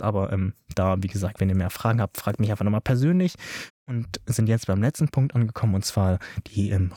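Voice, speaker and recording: A man's voice: medium pitch, dark tone, no echo, clean studio sound. A man explaining dance music in a chatty, informal tutorial, talking straight to his listeners with many fillers. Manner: chatty, filler-heavy, addresses listeners directly. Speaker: dance teacher.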